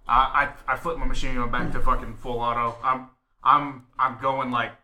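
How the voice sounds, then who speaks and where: Male player, piercingly bright, cursing, stumbling over words, echoey room. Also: medium pitch, normal speed. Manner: swears a lot and stammers, excitable. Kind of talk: casual tabletop game play. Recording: roomy echo.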